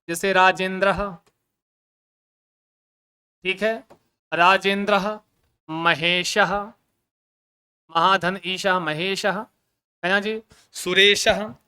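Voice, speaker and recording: Male coaching-class teacher, bright crisp voice, lively question-and-answer lecture style with jokes. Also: sits high. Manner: lively, asks questions and answers them himself; joking asides. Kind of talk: Hindi grammar lesson.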